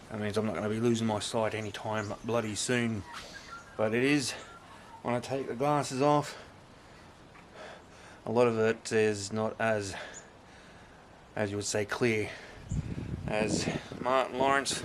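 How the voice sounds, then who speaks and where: Low-voiced man chatting casually to camera. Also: fairly even intonation, measured pace, pauses often, noisy background. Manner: chatty, rambling, swears casually. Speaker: vlogger. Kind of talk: casual vlog chat to camera.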